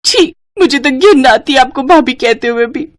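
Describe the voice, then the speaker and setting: A woman's voice: high voice, expressive, normal speed, dry recording, clean studio sound, voice pushed up. A woman voicing a spiteful, scheming young sister-in-law in a storybook tale, accusing and dramatic. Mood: indignant. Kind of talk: storybook voice acting.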